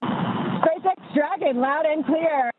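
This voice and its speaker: A woman crew member aboard a spacecraft, giving brisk, procedural readbacks over a space-to-ground radio link. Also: high voice. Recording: tinny radio channel with faint hiss.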